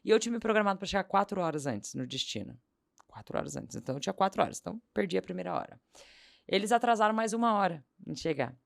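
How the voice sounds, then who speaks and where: A woman's voice: medium pitch, fast talker, creaky. A woman, a podcast guest telling a story and acting out the lines of the people in it. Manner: animated anecdote-telling, acting out quoted dialogue. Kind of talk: storytelling in casual interview.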